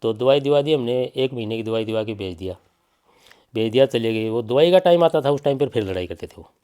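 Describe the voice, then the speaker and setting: A middle-aged, Haryanvi-accented man who has lost a child gives animated interview testimony in a mid-range voice that is brisk, dark and clean. He speaks insistently, repeating himself and quoting others.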